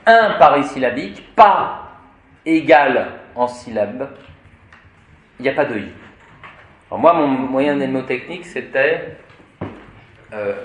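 A man, a priest, teaching a grammar lesson to a class, explaining word by word in a slow, deliberate way. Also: medium pitch. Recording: echoey room.

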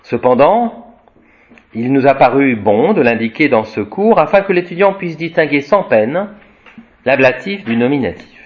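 Man, Latin teacher, mid-pitched, explanatory classroom delivery with restarts; dull lo-fi classroom recording. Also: big pitch swings. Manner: slow explanatory, tags sentences with "hein" and "voyez", frequent restarts; spells out Latin words slowly, chanting declensions. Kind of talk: classroom lecture, reading from a textbook and commenting.

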